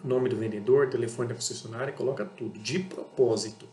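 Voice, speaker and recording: A blunt Brazilian man talks casually, circling back on his points again and again. His voice sits at an ordinary pitch. The room is echoey, and a faint electrical hum runs underneath. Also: steady tone, brisk, warm tone. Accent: Brazilian Portuguese. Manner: blunt, repetitive, acts out dialogues with customers. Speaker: auto parts seller and channel host. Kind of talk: casual monologue to camera.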